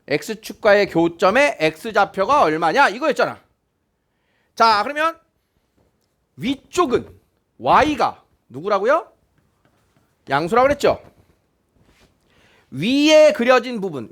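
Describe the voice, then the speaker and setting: Lively high-voiced male math teacher. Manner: questioning, repeats key points to check understanding. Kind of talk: classroom math lecture.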